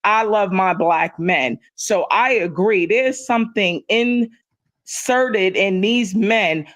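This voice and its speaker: Middle-aged woman, livestream guest, speaks with heated conviction and repeats points for emphasis, mid-pitched. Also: slow pace, no room sound. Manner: impassioned, emphatic, repeats herself for stress. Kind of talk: casual chat.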